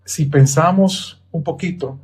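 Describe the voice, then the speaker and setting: A man's voice: fairly high pitch, a little slow, darkish tone, breathy edge. A man on a Bible study podcast, explaining scripture in a patient, methodical teaching tone.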